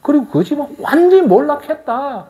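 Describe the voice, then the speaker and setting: Eager, scornful village gossips trade news in a hushed, conspiratorial murmur, as a man preaching puts them on. The voice carries a Gyeongsang lilt and swings widely in pitch between whispered asides and sharp exclamations. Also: sing-song, fairly quick. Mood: gossipy. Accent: Gyeongsang Korean.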